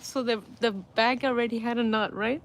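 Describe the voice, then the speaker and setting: A woman's voice: on the high side, fairly even intonation, moderate pace, a little hiss or hum. A middle-aged woman hosting a livestream and telling a story to her viewers in a casual way, laughing often as she goes. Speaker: livestream host.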